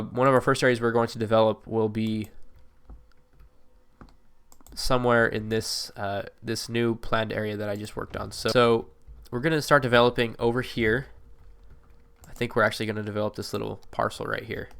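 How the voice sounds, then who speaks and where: A gameplay video creator talks over a city-building game in a casual, rambling way, full of fillers and self-corrections. His voice is fairly low and level at a moderate pace, creaky yet a bit bright, clear and resonant, with a slight congested, allergy-stuffed quality.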